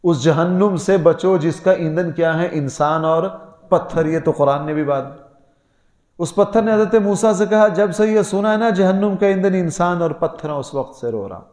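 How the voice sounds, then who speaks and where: A man's voice: high-pitched, a little mellow, reverberant. A male Islamic scholar with a Pakistani Urdu accent gives a sermon-style Quran lesson, earnest and storytelling, with rising emphatic peaks.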